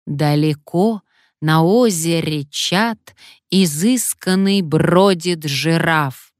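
A woman voicing a cheeky, pushy old male parrot with a hoarse, croaking, drawn-out voice, in an audiobook story. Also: low voice, no room sound, clean studio sound.

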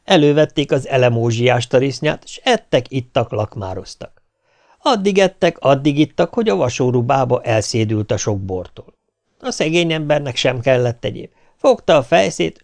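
Lively gravelly male storyteller. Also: medium pitch, no echo. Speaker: audiobook reader. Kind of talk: folk-tale audiobook narration.

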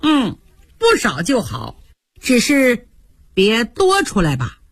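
A woman voicing a sharp, bossy young noblewoman who runs the household, brisk and commanding in a storytelling broadcast. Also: fairly high pitch, wildly swooping pitch, slightly rough, dry recording, studio quality, full character voice. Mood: teasing.

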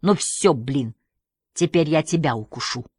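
A woman voicing a furious, coarse mother yelling across a lawn. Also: low voice, unhurried, breathy edge, no room sound, studio quality.

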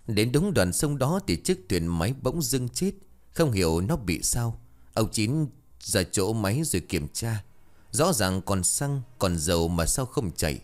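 A man narrating a ghost story in a solemn, expressive reading style. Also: on the low side.

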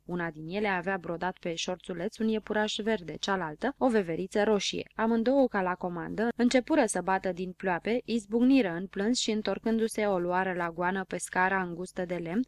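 A woman narrating a children's storybook with a lively, dramatic reading. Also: mid-range voice, no echo. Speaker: audiobook reader.

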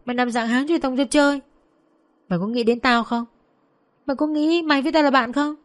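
A woman's voice: medium pitch, brisk, close to an everyday voice. A woman voicing a jealous young woman who screams vicious insults in a brawl, in a narrated audio story. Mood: screaming abuse.

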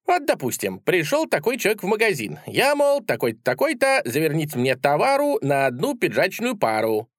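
A man voicing a calm, sardonic little male creature who talks coolly and practically. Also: a little high, a little fast, hardly any pauses, no room sound, pitched above the performer's own voice. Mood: reasoning. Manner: cool, dry, practical.

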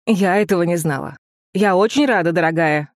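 A man doing a calm, dignified older mother. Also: high-pitched, moderate pace, no room sound, studio quality, pitched above the performer's own voice, close to an everyday voice. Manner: quiet, composed, gentle. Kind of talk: audiobook character voice.

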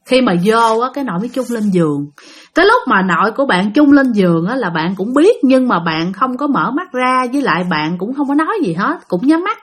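A woman's voice: fairly high pitch, fairly quick, slightly rough. A woman with a Southern Vietnamese accent narrating a ghost story, talking straight to her listeners. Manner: animated, addressing listeners directly.

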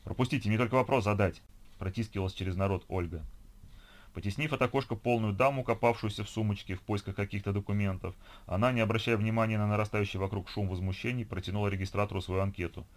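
Low-voiced guy reading an audiobook, calm and even. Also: quick pace. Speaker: audiobook narrator. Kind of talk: scripted narration.

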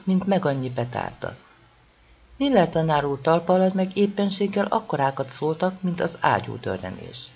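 A husky audiobook narrator telling a humorous story with lively storytelling energy. The pitch moves widely. The recording is dull and lo-fi.

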